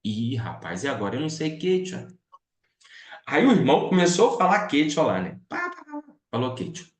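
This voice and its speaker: A man's voice: medium pitch, very animated, a little fast. A man, a pastor, telling stories as he teaches a missions class, chatty and often asking his listeners questions. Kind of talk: storytelling lesson. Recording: roomy echo.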